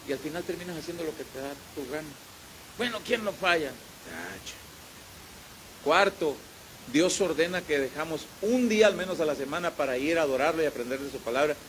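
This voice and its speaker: A man with a Mexican accent, a pastor preaching a sermon in church, animated and storytelling, swinging between loud and quiet. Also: fairly high pitch, a little hiss or hum, poor audio. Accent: Mexican Spanish.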